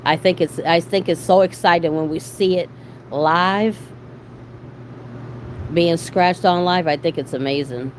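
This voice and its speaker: Talking to her live audience, this middle-aged Boston woman is casual, slangy and full of curse words. Her fairly low voice moves at a measured pace with frequent pauses, over noticeable background noise.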